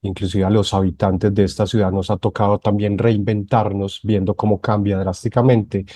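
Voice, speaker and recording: A man from Medellín with a Colombian accent, a branding expert talking calmly as a podcast guest. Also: lowish voice, no echo. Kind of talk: podcast interview.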